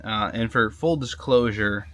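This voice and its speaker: A man talking casually in a sit-down vlog, halting and repeating words, often checking in with "right?". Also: fairly low pitch, fairly bright tone, slight background noise. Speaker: vlogger, husband.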